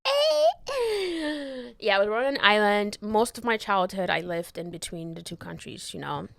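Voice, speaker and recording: A young woman from the Dominican Republic hosts her own podcast while sitting on her bed, holding a handheld mic. Her medium-pitched, creaky voice swings widely in pitch at an unhurried pace, with no echo. The rambling solo chat is candid, full of swearing, laughter, and trailing off before restarting.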